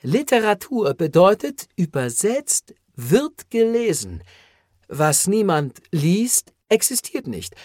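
Man doing a giggly delirious man, high and strained. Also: huge pitch swings, takes it slowly, a little mellow, dry recording, clean studio sound, heavily acted. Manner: breathy, stammering, high and strained.

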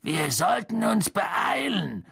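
A reader voicing a determined teenage boy who talks in a hurried, urgent way in an audiobook. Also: medium pitch, big pitch swings, creaky, a bit bright, slightly rough, dry recording, studio quality, pitched above the performer's own voice, full character voice. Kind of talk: audiobook reading.

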